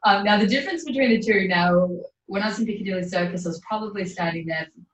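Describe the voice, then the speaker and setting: A woman, a podcast guest, telling a personal story in a casual, earnest, animated way and laughing often. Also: medium pitch, fast talker. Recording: roomy, distant, dull sound.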